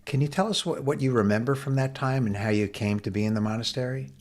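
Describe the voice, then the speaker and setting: A man's voice: mid-range voice, fast, darkish tone. A man hosting a podcast interview, asking his guest friendly, conversational questions. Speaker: podcast host.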